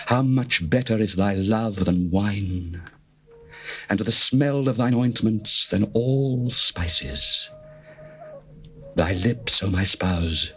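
In a dramatized scripture reading, a man plays an adoring young-adult bridegroom, tender and devoted. His voice sits low, and his delivery is slow, measured and reverent.

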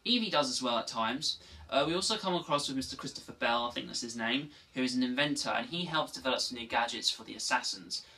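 Rambling man, bright and off-mic. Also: mid-range voice, fast talker, distant mic, rough recording. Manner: rambling, with frequent restarts and asides. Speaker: gaming video host. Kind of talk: casual unscripted game recap.

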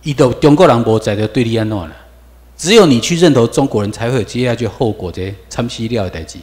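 Speaking fast in a slightly mellow, mid-range voice, a male lecturer teaches in Mandarin with a Taiwanese accent, pressing his class with emphatic rhetorical questions. He drills new words aloud with the students, his voice carrying a long reverb from the lecture hall.

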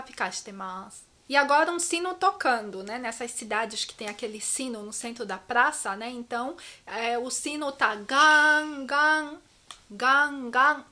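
A high, bright-voiced Brazilian woman runs a casual language lesson and acts out every sound word with playful repetition. She keeps the tone lively and animated, like a vlogger teaching her viewers. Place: her home in Japan.

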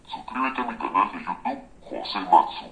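A disguised voice, pushed low and heavy by a deep voice-changer filter, as a man demos the effect on his own recording. It sounds somewhat removed from the mic, with a flat, processed tone. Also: normal speed, husky, heavily acted. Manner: playing back his own line through a voice-changer app. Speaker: tech YouTuber host.

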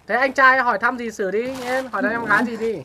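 A woman's voice: on the high side, fairly even intonation, fast talker, sharp tone, a little hiss or hum. Motherly woman giving friendly advice. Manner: motherly advice, ends lines with tag words. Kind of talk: casual chat.

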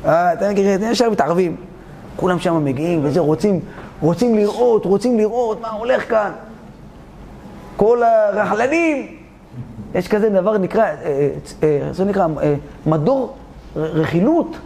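A man, a rabbi, preaching a sermon through an animated, theatrical story, speaking directly to his listeners. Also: high voice, gravelly.

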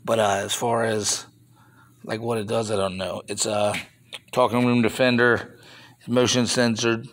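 A toy reseller, indoors at a table of toys, shows his flea market finds in a casual off-camera show-and-tell vlog shot on a handheld phone. His voice is on the low side and fairly bright, with a level tone and a slightly slow pace. He chats casually, rambling with mild grumbling asides.

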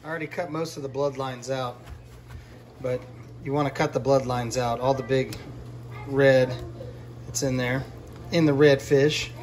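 With a slight hiss or hum on the handheld phone recording, a man in his forties talks while cooking fish at home for his fishing vlog. He speaks in a mid-range voice at a measured pace with frequent pauses, keeping things relaxed and conversational.

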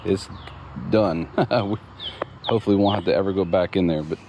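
Speaking at normal speed, a very deep-voiced homeowner narrates an easygoing, plain tour of his build, often pausing for ums and restarts. It was captured outdoors on a phone carried while walking, with steady outdoor noise clearly behind him and the high frequencies cut off.

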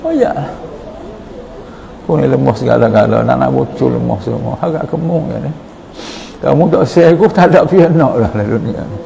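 Gravelly Patani Malay preacher. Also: male voice, mid-range voice, lively intonation, brisk, dark tone, a little hiss or hum, rough recording. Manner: storytelling, quotes prayers and dialogue. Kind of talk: morning sermon. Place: mosque hall.

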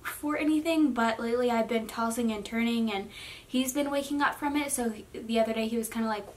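In this bedroom vlog, a young woman in her twenties perches on the bed and chats about her pregnancy, wandering from point to point with plenty of filler words. She speaks briskly at a fairly high pitch.

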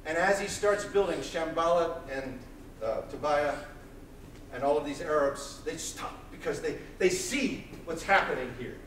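A man in his thirties preaching a sermon, pacing the stage of a small church with intense, loud delivery. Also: fairly high pitch, unhurried, a little hiss or hum. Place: small church hall, indoors. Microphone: far camera, room mic. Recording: echoey church hall from far off.

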